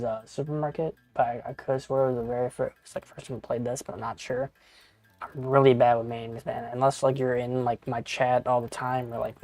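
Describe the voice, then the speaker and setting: This thirtysomething man has a mid-range voice, captured in a dry recording. He rambles casually and swears while talking to his chat during a gaming live stream.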